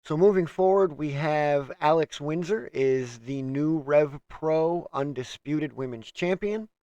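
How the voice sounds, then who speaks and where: A man's voice: on the high side, a little slow, mellow, dry recording, muffled recording. A man hosting a casual wrestling review, steadily running through a list of news items. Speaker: host.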